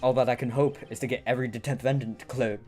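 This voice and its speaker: A man in his twenties voicing a cold, ruthless young male prosecutor in a fan reading of a game script, speaking low, cool and measured. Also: steady tone, darkish tone, soft background music, lightly acted. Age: 20s.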